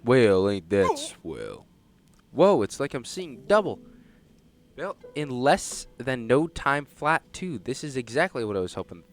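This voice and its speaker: A man voicing an easygoing cowboy gentleman, talking in a slow, folksy drawl. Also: medium pitch, big pitch swings. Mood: pleased.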